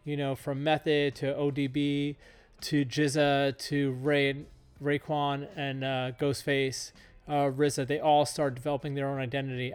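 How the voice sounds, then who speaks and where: A man's voice: mid-range voice, smooth. A man hosting a podcast, talking casually with lots of fillers as he introduces an interview and asks questions. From Southern California. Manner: relaxed, filler-heavy rambling. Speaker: podcast host.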